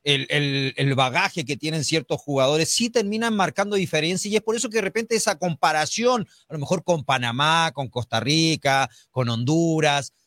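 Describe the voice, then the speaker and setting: A measured male football pundit who repeats short words while he thinks. His voice is a little high for a man. The studio sound is dry. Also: fairly bright tone, no echo. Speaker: football pundit, former player. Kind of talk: studio sports panel discussion.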